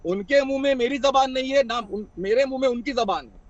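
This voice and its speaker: A man with a strikingly high voice comes through a patchy remote line that sounds dull and lo-fi. He argues defensively in a heated televised debate, repeats his points and keeps talking over the host. The sound is dry, with no room around it. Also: a little fast, dry recording. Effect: heard over a patchy remote line. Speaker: party spokesperson on a TV debate. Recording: dull lo-fi remote call audio.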